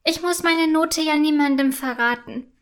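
A woman's voice: high-pitched, normal speed, close to an everyday voice. A woman reading as a glum little schoolgirl. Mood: pensive. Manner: gently read storybook character voice. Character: unhappy young schoolgirl, sulky then cheerful.

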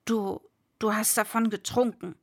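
A woman's voice: medium pitch, steady tone, a little slow, breathy edge. Woman voicing a cruel, domineering castle lord. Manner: domineering, scolding.

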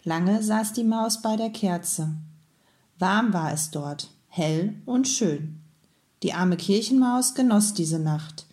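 A woman reading a children's story aloud in a calm, unhurried way. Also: medium pitch. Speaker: kindergarten head reading a story.

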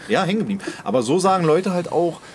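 A man's voice: a little high, very animated, fast talker, a little hiss or hum. A young man co-hosting a podcast in casual chat, rambling and hesitant with many fillers. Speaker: podcast co-host.

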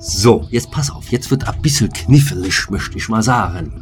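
A man's voice: lowish voice, animated, moderate pace, soft background music. A man co-hosting a casual podcast, playfully reading out quiz questions and drawing out the answer options. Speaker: podcast co-host, quizmaster.

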